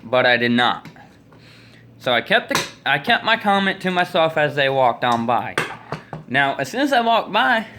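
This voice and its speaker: A twenty-something American man tells rambling, folksy, opinionated stories into a phone held at arm's length in a small indoor room. His voice is on the high side and sing-song at normal speed, with a noisy background.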